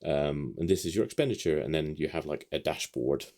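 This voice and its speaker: A man's voice: extremely low pitch, brisk, warm tone. A man from the United Kingdom rambling casually through a vlog update from his home office, with lots of ums and restarts. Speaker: vlogger.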